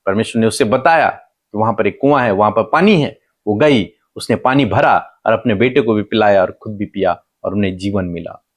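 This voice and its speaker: A middle-aged male pastor preaching a sermon with impassioned repetition. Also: normal speed. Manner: impassioned, repeating phrases, pitch leaping up for emphasis.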